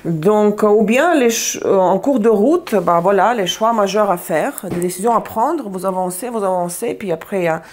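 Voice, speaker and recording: A woman's voice: medium pitch, moderate pace, few pauses, darkish tone. A woman giving a casual tarot reading, chatty, often searching for words and repeating herself. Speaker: tarot reader.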